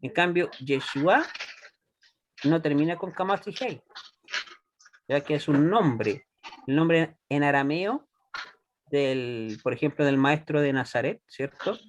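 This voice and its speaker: A man teaching a Hebrew class, patient and deliberate, often checking that students follow. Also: fairly high pitch, expressive, dull audio, slight background noise. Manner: patient, checks understanding with frequent "¿ya?"; slow and deliberate, repeats words for students. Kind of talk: classroom lesson.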